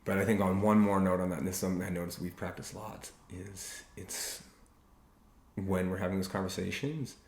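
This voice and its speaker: A man's voice: sits low, steady tone, a little mellow. A man hosting a podcast on relationships, talking casually in an earnest, careful way. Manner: earnest, speaks slowly and carefully. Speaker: podcast host. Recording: echoey room with faint noise.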